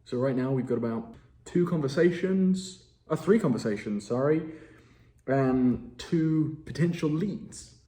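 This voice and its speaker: A man's voice: mid-range voice, expressive, measured pace, dark tone. A man with an English accent making cold sales calls, direct and chatty with self-deprecating asides. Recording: roomy echo.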